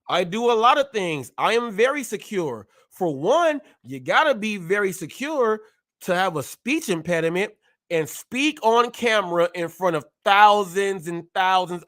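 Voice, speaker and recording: Boastful man in his forties, high voice, slow. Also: fairly bright tone. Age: 40s. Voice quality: stutters. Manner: boastful, confrontational, calling out critics. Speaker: host. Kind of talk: ranting live-stream commentary.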